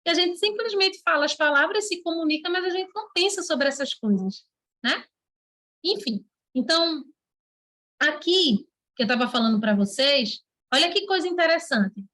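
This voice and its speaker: A woman teacher with a Brazilian Portuguese accent explaining letters and syllables in an online lesson, patiently asking rhetorical questions and spelling sounds out slowly. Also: very high voice, lively intonation, pushed and bright.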